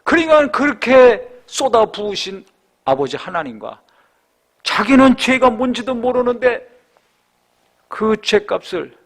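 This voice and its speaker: A male pastor preaching a sermon with rhetorical questions, swinging between raised exhortation and hushed reflection. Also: extremely high pitch, expressive, measured pace, pauses often.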